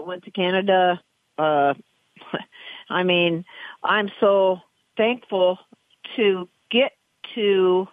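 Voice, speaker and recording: A woman racehorse trainer in a phone interview, talking in an emotional, rambling way. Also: dry recording. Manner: emotional, rambling, voice jumps high when excited. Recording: tinny dry phone line.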